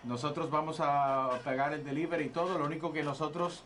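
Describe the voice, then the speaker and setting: Man acting as courteous phone salesman, slightly high voice, hesitant, repetitive, over-polite, faint noise. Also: steady tone, a little fast, fairly bright tone, close to an everyday voice. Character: polite male chocolate salesman claiming to be French. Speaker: prank caller. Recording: noisy radio phone call.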